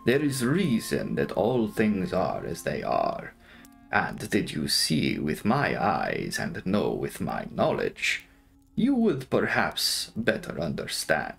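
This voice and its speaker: A man voicing a courtly, commanding Transylvanian count in an audiobook, speaking in formal, drawn-out, measured phrases with a sinister edge. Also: deep voice, huge pitch swings, vocal fry, fairly bright tone, husky, faint music behind, voice pushed down, exaggerated voice. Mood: formal, ominous. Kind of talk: dramatic audiobook character reading.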